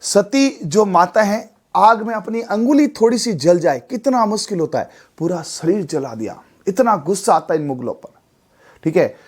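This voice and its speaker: A man teaching an exam-prep lecture, animated and talkative, often asking his listeners questions and mixing in English words. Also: high-pitched, normal speed. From Rajasthan. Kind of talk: classroom lecture.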